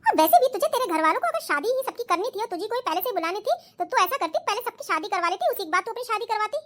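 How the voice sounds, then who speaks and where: A domineering mother-in-law from a cartoon, scolding her daughter-in-law sternly, as a woman voices her. Her tone is bossy, and the voice is very high and bright. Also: sing-song, fast, exaggerated voice. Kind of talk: cartoon voice acting.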